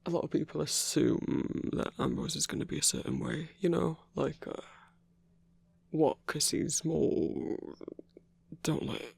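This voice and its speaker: In an intimate ASMR roleplay, a man voices a gruff but tender werewolf boyfriend, rambling in halting, hushed, sweary phrases with an earnest, hesitant mood. His husky, gravelly voice runs on the high side with big pitch swings, fully in character.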